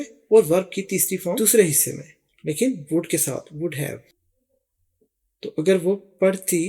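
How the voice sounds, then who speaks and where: Husky high-voiced man teaching grammar. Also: dark tone. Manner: slow, deliberate English examples between quick Urdu explanations. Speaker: English teacher. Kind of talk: explaining grammar to viewers.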